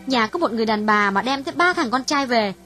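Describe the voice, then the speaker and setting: A woman voicing a gossipy, blunt young woman in an audiobook, asking prying questions in a husky voice. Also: on the high side, animated, quick pace, sharp tone, faint music behind. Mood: indignant. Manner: scolding, nosy questions. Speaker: audiobook voice actress.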